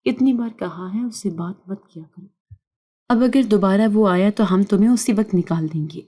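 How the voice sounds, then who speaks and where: A woman voicing a harsh, stern older mother-in-law who scolds and threatens in a dark, louder voice. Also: medium pitch, close to an everyday voice. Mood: scolding.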